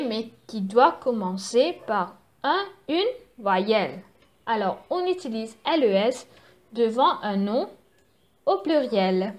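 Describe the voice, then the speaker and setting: A woman teacher giving a recorded grammar lesson for children, patiently spelling out letters and repeating each rule. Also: fairly high pitch. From Mauritius.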